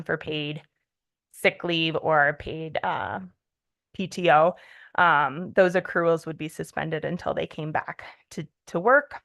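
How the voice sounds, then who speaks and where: A woman's voice: low-pitched, a bit bright, no echo. A young woman on town staff presenting a policy at a public meeting, careful and explanatory with frequent "um" fillers. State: voice quivering with emotion. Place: town hall meeting room.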